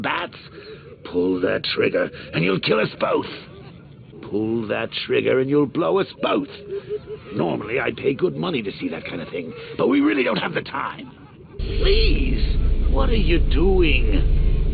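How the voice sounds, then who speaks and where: An actor playing a gleefully sadistic, taunting clown villain in a video game, with a gravelly voice and a mocking, theatrical delivery. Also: male voice, narrow, tinny audio, noisy background, exaggerated voice. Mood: frantic pleading. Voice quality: gravelly, creaky voice with shrill swoops.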